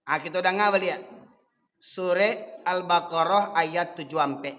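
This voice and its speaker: A man's voice: high-pitched, a little slow, a bit bright, long reverb tail. A man with a Minangkabau accent preaching a sermon, fiery and scolding. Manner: fiery, scolding, switches between dialect and Indonesian.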